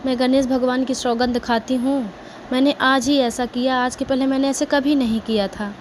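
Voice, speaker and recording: A woman's voice: high-pitched, steady tone, normal speed, slight background noise, close to an everyday voice. A woman voicing a simple, frightened young daughter-in-law who pleads and explains in a folk tale. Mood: fearful. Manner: fearful, pleading.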